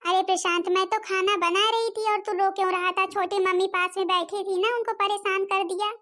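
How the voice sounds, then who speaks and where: A woman's voice: extremely high pitch, level tone, brisk, pushed and bright, voice pushed up. A woman voicing a caring, worried teenage older sister in a cartoon. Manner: worried, pleading. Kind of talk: cartoon voice acting.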